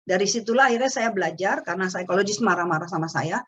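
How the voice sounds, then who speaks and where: A woman's voice: medium pitch, quick pace, breathy edge. Chatty Indonesian woman on a webinar. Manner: chatty, animated storytelling with acted quotes. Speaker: webinar speaker on parenting. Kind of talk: casual talk. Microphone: webinar microphone.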